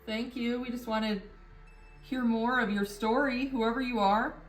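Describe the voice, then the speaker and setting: A woman asks questions of spirits during a ghost hunt, unscripted and slow-paced. Her voice is a little high and comes from a distance in an echoing room. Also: fairly even intonation, faint music behind. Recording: echoey room, distant from the mic.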